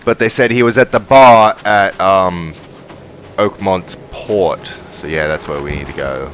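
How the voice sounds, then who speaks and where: A man's voice: sits low, measured pace, a bit bright, a little hiss or hum. A man giving casual game commentary as a let's play host, thinking aloud as he goes. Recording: music under the voice.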